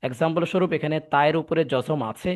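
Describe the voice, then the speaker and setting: A man teaching an online recitation class, patiently explaining and drilling syllables slowly for students to repeat over a video call. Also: fairly high pitch.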